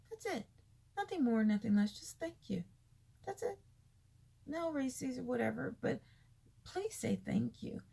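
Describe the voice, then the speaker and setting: A woman's voice: medium pitch, vocal fry, darkish tone, husky. A tired woman vlogger chatting casually and candidly about her day, telling stories in a rambling way and repeating herself for emphasis. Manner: conversational, candid storytelling with emphatic repetition.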